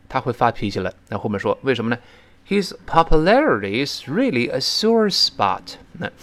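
Lively male English teacher explaining. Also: mid-range voice. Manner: explains at length, many "this, this" fillers; reads English examples slowly and carefully. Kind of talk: recorded language lesson.

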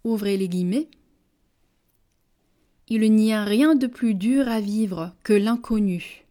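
Woman, dictation reader, very slow and measured, warm mellow tone, repeats each phrase. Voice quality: measured, deliberate, dropping low on punctuation words. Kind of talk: slow French dictation, each phrase read twice with punctuation spoken.

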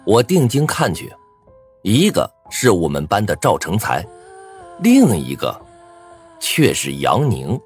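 A man's voice: fairly low pitch, huge pitch swings, slow pace, pauses often, faint music behind. A man narrating a first-person thriller story with a dramatic, swinging delivery.

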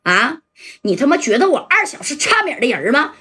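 A woman's voice: high voice, big pitch swings, fairly quick, pushed and bright, heavily acted. A woman doing a sneering young thug. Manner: sneering, bullying. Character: cocky young male thug, mocking and vengeful.

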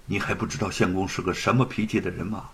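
A man voicing a gentle young wife who speaks softly and tenderly to comfort her husband. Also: sits low, steady tone, fast, breathy edge, pitched below the performer's own voice, full character voice. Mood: coaxing. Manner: soft, tender, coaxing.

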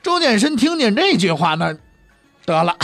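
A man's voice: high-pitched, very animated, a little slow, fairly bright tone, no room sound, soft background music. A male storyteller telling history in a humorous, chatty storytelling style, often asking the listener rhetorical questions. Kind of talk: comic pingshu storytelling.

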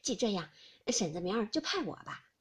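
A woman voicing an eager young man who flatters and pleads with his elders, read in a classic novel audiobook. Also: medium pitch, a little fast, husky. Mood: pleading. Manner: ingratiating, pleading.

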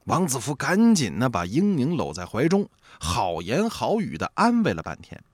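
A man telling a traditional folk tale in a lively, animated storytelling manner with drawn-out interjections. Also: mid-range voice, breathy edge, no room sound, studio quality.

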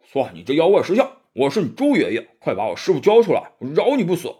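A man's voice: mid-range voice, huge pitch swings, moderate pace, a little mellow, voice pushed up. A man voicing Zhu Bajie, a boastful, lazy pig-faced monk who squabbles and blusters, in a storybook reading. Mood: blustering. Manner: blustering, quarrelsome.

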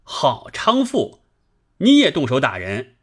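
A woman voicing a drunk, hot-tempered young nobleman husband in a dramatized novel reading, gruff and blustering. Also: very deep voice, sing-song, slow pace, voice pushed down, full character voice. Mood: furious.

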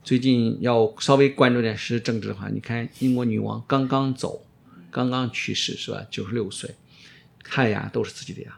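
A man's voice: medium pitch, fairly even intonation, fairly quick, gravelly. A middle-aged man, an orthodontist being interviewed, explaining casually and emphatically, often repeating his phrases. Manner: emphatic, repeats phrases, drops in English words.

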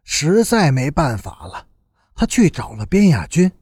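Husky male audiobook narrator, lively swoopy delivery, dry close mic. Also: a little high, a little slow, dry recording. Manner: expressive, lively storyteller. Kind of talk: storytelling narration.

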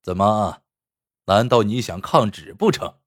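A man's voice: fairly low pitch, expressive, a little slow, no echo, clean studio sound, pitched below the performer's own voice. A man voicing an arrogant, scheming court official who speaks in a cold, sneering way.

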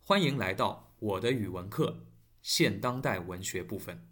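A man reading a scripted intro in a slow, measured way. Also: lowish voice, animated, a bit bright.

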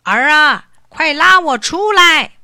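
A woman voicing a greedy, nagging old father in a storybook tale, loud and pleading with drawn-out words. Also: high-pitched, very animated, dry recording, studio quality, voice pushed up, exaggerated voice. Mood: wheedling, shouting. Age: older.

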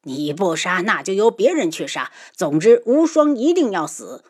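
A woman's voice: medium pitch, sing-song, normal speed, a little mellow, breathy edge. A woman voicing a ruthless, scheming old nobleman who mocks and menaces in an audiobook. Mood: sneering. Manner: sneering, menacing. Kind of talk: audiobook character voice.

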